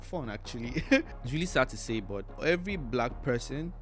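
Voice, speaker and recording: A man's voice: mid-range voice, lively intonation, normal speed, fairly bright tone. A man, a travel vlogger earnestly telling his own experience in a casual, conversational way. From Nigeria. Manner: earnest, conversational, fond of "like" and "you know". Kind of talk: casual personal storytelling to camera.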